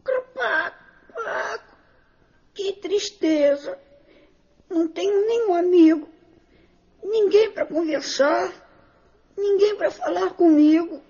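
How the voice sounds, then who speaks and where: A woman's voice: very high-pitched, slow pace, pauses often, warm tone, muffled recording, heavily acted. A woman voicing a lonely young male parrot in a children's musical story, talking in an eager, sing-song way. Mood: sad.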